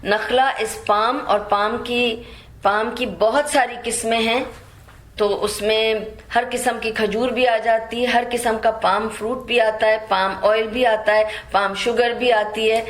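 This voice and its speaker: A woman teaching Quran commentary, reciting verses slowly and then explaining them in mixed with English words. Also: on the high side, fairly even intonation, roomy sound.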